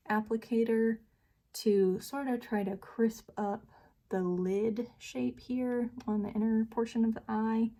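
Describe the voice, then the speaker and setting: A woman's voice: mid-range voice, dark tone. Chatty, laughing young woman vlogger. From United States. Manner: chatty, self-deprecating, laughs often. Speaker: beauty vlogger. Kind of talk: casual chatty storytelling while doing makeup.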